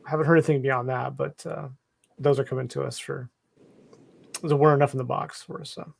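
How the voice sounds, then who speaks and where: A man's voice: mid-range voice, little pitch movement, fairly quick, creaky, husky. A man chatting in an offhand, agreeable way as a guest on a live stream. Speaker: guest collector. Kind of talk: casual chat.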